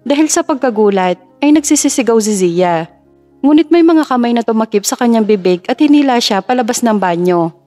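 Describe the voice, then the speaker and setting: Woman reading a drama story aloud, higher voice, soft music underneath. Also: lively intonation, brisk. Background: faint background music.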